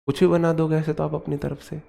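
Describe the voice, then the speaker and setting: A man's voice: fairly high pitch, level tone, fairly quick, gravelly, dark tone. A young man with a North Indian Hindi accent teaching English grammar in an online class, joking with and playfully scolding his students as he drills words.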